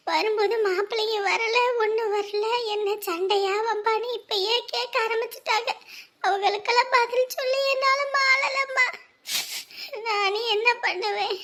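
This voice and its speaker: Woman playing a shrill, gravelly village mother. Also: fairly bright tone. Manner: pleading, scolding, sighing lament. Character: worried village mother of a married daughter. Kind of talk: village family drama acting.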